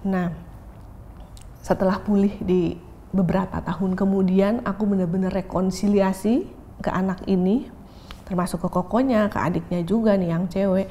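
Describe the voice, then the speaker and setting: A woman's voice: mid-range voice, fairly even intonation, normal speed, warm tone, a little hiss or hum. A woman, a pastor telling her own story openly in an interview, often dropping English phrases into her talk. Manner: open, reflective, switches into English phrases. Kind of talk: candid interview testimony.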